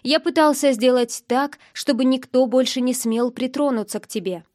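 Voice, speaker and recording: A woman's voice: high-pitched, normal speed, darkish tone, no room sound, studio quality, close to an everyday voice. A woman reading the part of a stern, domineering wealthy man who presses with curt questions. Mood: insistent.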